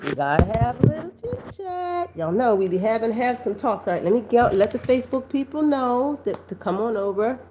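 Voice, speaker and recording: Against a noisy background, a woman in her thirties with a slightly high voice talks briskly and very animatedly, barely pausing. Sniffly and congested from a cold, she hosts a casual chat for her viewers, calling them family and filling her speech with "like" and "um."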